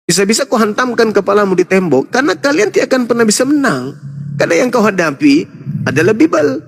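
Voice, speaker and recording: A man's voice: high voice, very animated, quick pace, vocal fry, big-room sound, a little hiss or hum. A man debating heatedly over religion, lecturing in long repeated runs and mocking his opponent.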